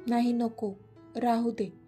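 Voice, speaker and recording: Pouting young wife, coaxing, high and mellow , read by a woman narrator in a storybook. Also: little pitch movement, takes it slowly, faint music behind. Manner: coaxing, mock-cross.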